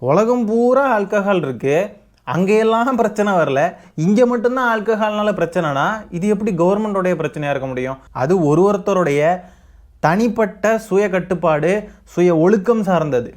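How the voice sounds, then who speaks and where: High-voiced man giving mocking political commentary. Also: animated, normal speed, darkish tone. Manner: mocking, argumentative, rhetorical questions. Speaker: political commentary channel host.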